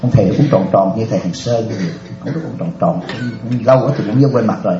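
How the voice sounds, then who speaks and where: A man's voice: on the low side, fast talker, roomy sound, highs cut off. A Buddhist monk, animatedly telling stories in a dharma talk and often laughing with his audience. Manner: animated storyteller, often laughing, addresses listeners directly.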